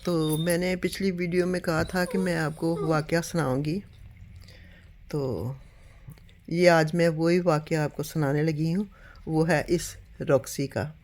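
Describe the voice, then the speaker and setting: A woman's voice: low voice, steady tone, darkish tone. An older woman telling a story at home to a phone camera, earnest and a little weak from illness, often urging listeners to believe her. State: weak and unwell. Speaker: home vlogger.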